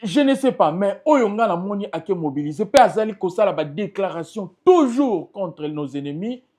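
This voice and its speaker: Congolese guy on a political interview, fired up and emphatic, higher pitched voice. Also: lively intonation, moderate pace, darkish tone. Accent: Congolese French. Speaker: political party spokesperson, guest.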